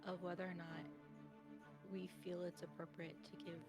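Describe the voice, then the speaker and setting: Woman at a tabletop game, gravelly fry in her voice, careful, music playing behind. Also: lowish voice, level tone, moderate pace. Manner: cautious, reasoning aloud. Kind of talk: casual game-night talk.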